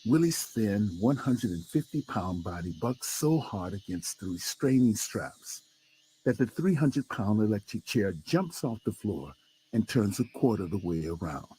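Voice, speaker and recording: A man narrating a true story in a scripted, dramatic storytelling style, slowing down for emphatic pauses. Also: fairly low pitch, big pitch swings, mellow, slight background noise.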